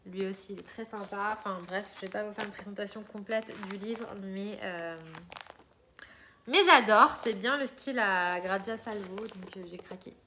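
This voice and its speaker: A woman's voice: mid-range voice, normal speed, sharp tone, slight background noise. A woman vlogger chatting casually about her coloring purchases, rambling with many fillers and restarts. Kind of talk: casual chat showing purchases.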